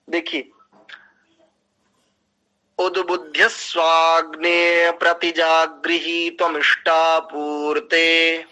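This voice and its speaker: A man teaching Sanskrit pronunciation in an online class, slowly drawing out syllables and chanting verses. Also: high voice, pushed and bright, low-quality recording. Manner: slow, deliberate, drawn-out chanting of syllables. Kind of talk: online class lecture with mantra recitation.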